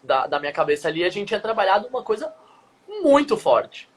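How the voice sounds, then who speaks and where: A man's voice: high voice, brisk. A young man, a dance teacher, telling a personal story in a casual live stream over a video call and acting out the dialogue. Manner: animated, quotes dialogue vividly.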